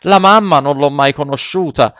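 A man's voice: on the high side, normal speed, a bit bright, no echo, lightly acted. A man voicing a frightened young wooden puppet boy who pleads tearfully. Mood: pleading.

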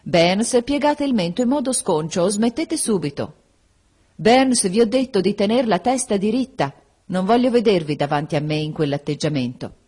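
A cruel, nagging schoolteacher, voiced by a woman narrating a storybook, barks corrections in a raised, strained voice. The husky grain of the reader stays under each sharp command. She never lets up on her pupil. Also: mid-range voice, animated, normal speed, pitched above the performer's own voice, lightly acted. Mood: scolding. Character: harsh stern woman schoolteacher, scolding.

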